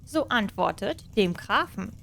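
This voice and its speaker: A woman voicing a sly, clever male cat in boots in a storybook reading, by turns bold and flattering. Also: medium pitch, unhurried, gravelly, exaggerated voice. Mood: commanding.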